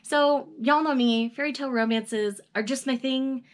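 This book vlogger has a high-sitting voice and talks at a moderate pace, chatty and upbeat, laughing between book titles as she casually discusses her reading plan. She's in a small room in front of full bookshelves, recorded by a webcam or camera at desk distance.

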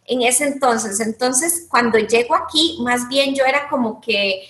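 A Costa Rican entrepreneur, appearing as a guest, answers interview questions over a video call from a room at home. Her voice is fairly high, unhurried and fairly bright, and she speaks earnestly with many restarts and fillers. The webcam audio carries the room's echo.

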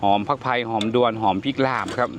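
A man's voice: medium pitch, quick pace, slight background noise. An older man, hosting a casual cooking vlog and chatting while he tastes the food. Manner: chatty, exclaims over food while tasting. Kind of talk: casual cooking and tasting talk.

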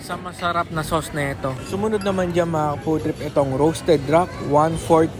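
A man's voice: on the high side, fairly even intonation, moderate pace. A man with a Filipino accent giving a casual food review with his mouth full of food, chatting to his viewers. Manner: chatty, repeatedly addresses viewers. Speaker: food vlogger. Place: restaurant.

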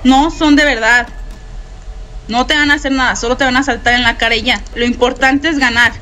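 A woman's voice: high voice, fairly even intonation, a little fast, sharp tone, faint music behind, poor audio. A young Mexican woman with a Mexican Spanish accent, doing frightened horror game commentary full of swearing, nervous laughter and shrieks. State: scared and shaky. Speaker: gameplay streamer.

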